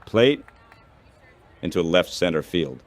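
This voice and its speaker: Here a man's text-to-speech voice, synthetic and low-sitting, handles baseball radio play-by-play in clipped, short phrases. It sounds expressive and proceeds at a slow pace.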